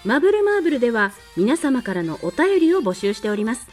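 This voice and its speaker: A woman's voice: fairly high pitch, big pitch swings, fast, darkish tone, recorded from a distance, faint music behind. A woman podcast announcer reading polite scripted notices to listeners.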